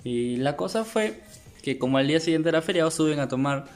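A man's voice: on the high side, lively intonation, brisk. A young man telling an anecdote in casual chat, acting out the lines people said to him.

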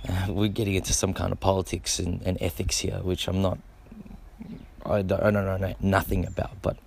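A deep, creaky, slightly mellow voice belongs to a middle-aged b-boy talking to camera. It's a laid-back, rambling monologue in which he swears freely and says words over and over.

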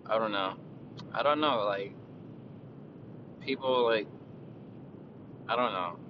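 A man in casual storytelling mode ranting about his retail job in a profane, laid-back way. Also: takes it slowly. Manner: profane, laid-back, quotes people in a raised voice. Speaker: retail worker. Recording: dull lo-fi with vehicle rumble.

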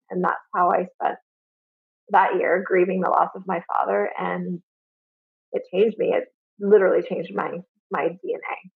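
Woman guest, candid storyteller, gravelly and husky, heard over a phone-like line. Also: mid-range voice. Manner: candid and reflective, with frequent fillers. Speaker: interview guest. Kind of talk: casual personal storytelling. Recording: tinny phone-line sound.

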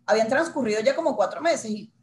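A woman in her thirties, a journalist, telling her own career story as an interview guest and acting out her inner dialogue with animated quoted lines. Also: on the high side, fast. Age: 30s.

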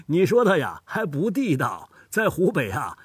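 Older man from Hubei as a grandfather explaining dialects, husky, very animated, dry close sound. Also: on the high side, measured pace, dry recording. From Hubei, China. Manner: animated storytelling, chuckles often. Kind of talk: scripted educational dialogue.

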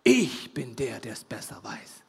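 A man voicing a scheming inner spirit of rebellion in a whispered role-play, in a low conspiratorial whisper. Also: sing-song, unhurried, creaky, darkish tone, husky, full character voice. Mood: smug scheming. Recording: long hall reverb.

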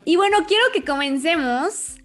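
A woman's voice: sits high, lively intonation, normal speed, fairly bright tone, soft background music. A woman hosting a faith podcast and interviewing a guest in an upbeat, chatty way. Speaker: podcast host.

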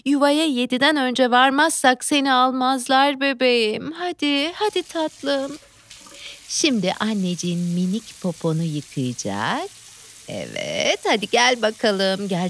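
A woman's voice: fairly high pitch, a bit bright, slight background noise, heavily acted. An actress playing a flustered young working mother, a factory worker, in a theatrical monologue; she exclaims in alarm and coos to her baby.

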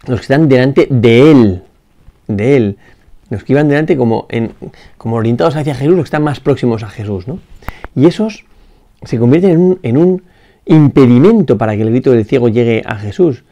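A priest giving a spoken gospel meditation, reflective, pausing often with little questions to the listener. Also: male voice, mid-range voice, warm tone. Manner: reflective, with frequent "¿no?" tags and restarts.

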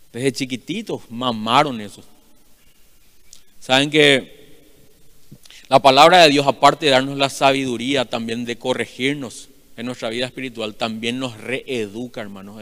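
Loud pastor guy, big echoey hall, swells up then drops way down. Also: medium pitch. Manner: loud, emphatic preaching with sudden swells and drops. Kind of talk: sermon. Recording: long hall reverb.

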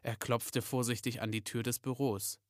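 A man reads a storybook aloud in a steady, mid-pitched voice. The recording is close and dry, with no room sound. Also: normal speed, dry recording. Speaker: narrator. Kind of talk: storybook narration.

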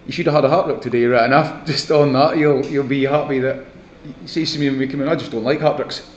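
A man's voice: mid-range voice, fairly even intonation, fast. A Scottish man giving a post-match interview as a football manager, plain-spoken, emphatic and full of praise. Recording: muffled, echoey, faint background noise.

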